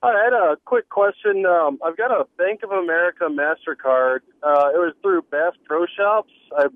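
A man phones in to a radio show, and his voice comes through a thin, tinny phone line with no room around it. He sits a little above the usual male pitch. He asks his question politely, pausing on fillers. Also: dry recording. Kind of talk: call-in question. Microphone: telephone.

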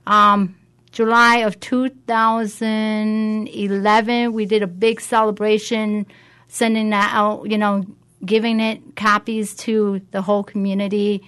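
Woman guest explaining stuff in an interview, smooth clear voice, medium pitch. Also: little pitch movement, measured pace, a bit bright. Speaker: community coordinator, guest.

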